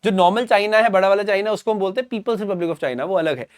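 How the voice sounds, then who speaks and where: High-voiced Indian male coaching teacher. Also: fast talker, clean tone, no echo, clean studio sound. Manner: explains simply, mixes Hindi with English phrases, repeats key points; calls students "beta". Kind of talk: current affairs lecture.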